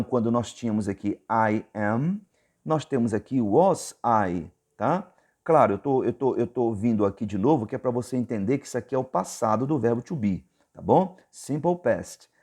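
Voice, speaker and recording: A man's voice: mid-range voice, dark tone. A man with a Brazilian Portuguese accent, teaching English grammar. He talks patiently, repeats his points and keeps checking in with the viewer. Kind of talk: explaining grammar on a board.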